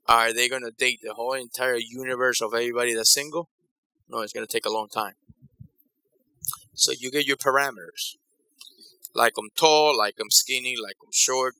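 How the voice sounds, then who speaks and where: A man from Ecuador leads a college workshop session in an easy, conversational way. His voice is very bright and cutting, recorded close with almost no room sound. He often repeats a phrase to land a point. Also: medium pitch, no room sound, poor audio. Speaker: workshop facilitator. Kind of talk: conference breakout talk.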